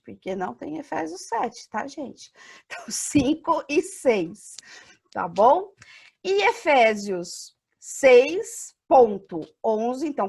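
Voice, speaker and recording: A woman's voice: on the high side, husky. Brazilian woman teaching an online Bible class. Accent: Brazilian Portuguese. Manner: explanatory, asks and answers her own questions.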